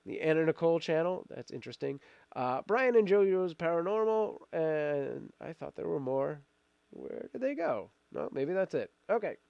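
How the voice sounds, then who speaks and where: This middle-aged man's voice sits high and is creaky, with a darkish, clear, resonant tone, as he hosts a casual live stream despite a cold. He reads viewer comments, rambling through fillers and restarts and often laughing. The audio is dull, with no echo.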